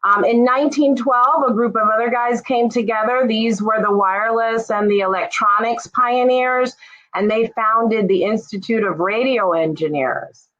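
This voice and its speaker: A woman from Jamaica giving an informal, friendly presentation on a webinar, often pausing with "um". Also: a little high, dull audio. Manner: friendly, relaxed, lots of "um" fillers. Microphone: video call.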